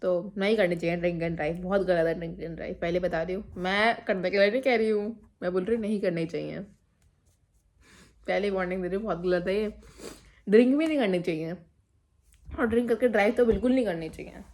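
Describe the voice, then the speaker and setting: A woman's voice: lowish voice, a little fast, a little mellow. A teenage girl telling a rambling, giggly story about school friends in a casual vlog. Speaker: vlogger.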